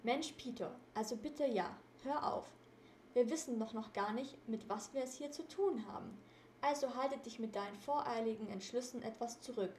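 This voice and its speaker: Woman reading as a calm, lecturing boy detective. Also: on the high side, normal speed, slight background noise, close to an everyday voice. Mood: stern. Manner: lecturing, composed. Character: clever calm teen boy detective leader. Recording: roomy echo.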